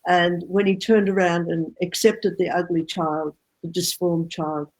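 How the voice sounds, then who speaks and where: A woman co-hosting a casual group discussion over a video call, often pausing to search for words and readily agreeing with the others. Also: on the low side, little pitch movement, low-quality recording. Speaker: co-host.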